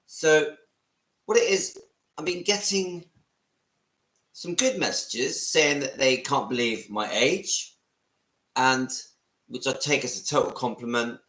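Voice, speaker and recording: West Country man, 50s, chatty livestream host; bright tone, roomy echo. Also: medium pitch, slow pace, pauses often. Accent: West Country English. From Southwest England. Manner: chatty, rambling, greets commenters by name. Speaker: livestream vlogger. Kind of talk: casual live chat to viewers. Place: room at home.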